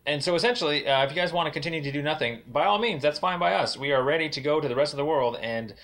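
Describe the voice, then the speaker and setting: A man leaving a long voicemail as a caller, speaking in a halting way with many fillers and a formal complaint tone. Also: on the high side, fairly bright tone.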